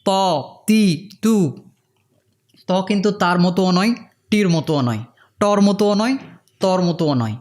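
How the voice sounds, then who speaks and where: A Quran reading teacher slowly drilling Arabic letter sounds for beginners, chanting each syllable and adding quick explanations. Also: mid-range voice, a little mellow. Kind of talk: slow phonics drill for beginners.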